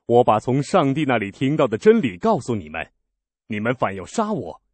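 Earnest, firm male teacher, read by a man with lively, solemn delivery. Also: medium pitch, normal speed, no room sound. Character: calm, authoritative male teacher.

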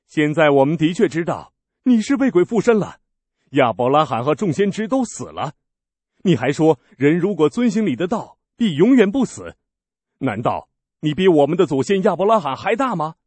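A man voicing an indignant crowd of accusing men, with scornful, shrill outbursts. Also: sing-song, normal speed, darkish tone, breathy edge, no echo.

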